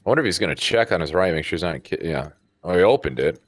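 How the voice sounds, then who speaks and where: Low-voiced male co-caster, laid-back analyst, faint game gunfire behind. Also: animated, fast talker, a little hiss or hum. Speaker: esports co-caster. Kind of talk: esports color commentary.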